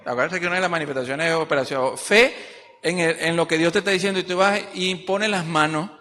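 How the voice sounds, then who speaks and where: A man preaching in a church, his somewhat high voice ringing with long reverb through the hall. He talks in animated bursts, acting out the voices he quotes and stopping now and then to hunt for the right word. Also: quick pace. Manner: searching for words mid-sentence. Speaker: pastor. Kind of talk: sermon. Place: church service.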